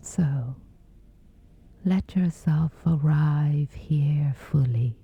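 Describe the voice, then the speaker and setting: With a deep voice softened into a gentle, breathy whisper, a woman works through a scripted sleep meditation as a guide, unhurried from start to finish. The audio is narrow and tinny, with no room sound.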